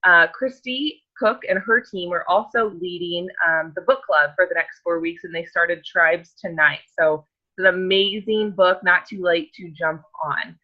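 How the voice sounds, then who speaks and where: A woman with a fairly low voice hosts a team video call in a relaxed, friendly way. The audio is dull and lo-fi. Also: measured pace. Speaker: call host. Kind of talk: casual introduction.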